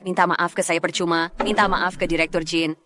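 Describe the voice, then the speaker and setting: A woman's voice: lowish voice, level tone, a little fast, noisy background, close to an everyday voice. A woman dubbing a haughty, commanding rich young heiress. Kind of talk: dubbed drama acting.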